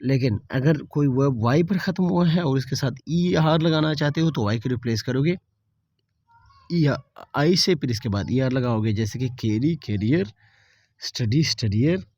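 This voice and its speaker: A man teaching English grammar, explaining spelling rules at a steady pace and slowing down to spell words out letter by letter. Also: medium pitch, no echo, dull audio.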